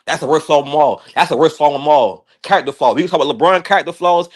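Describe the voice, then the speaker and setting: Brief: thirties man, animated debate guest, slangy and repetitive, slightly high pitch. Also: racing. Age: 30s. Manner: animated, repeats himself, slangy. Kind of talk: casual heated sports debate.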